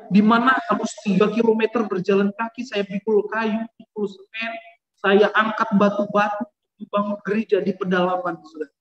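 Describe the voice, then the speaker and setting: A man from Indonesia preaching an impassioned testimony, fervent, keeps speaking straight to the listeners, swinging between loud and soft. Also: extremely high pitch, roomy sound, dull audio. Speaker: preacher giving a conversion testimony.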